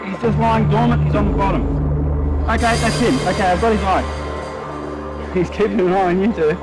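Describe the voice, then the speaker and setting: A man's voice: high voice, fairly even intonation, brisk. A man giving running instructions to his crew on location. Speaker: crew member watching a monitor. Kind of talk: live running instructions to colleagues. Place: outdoors by a river. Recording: loud music over location sound.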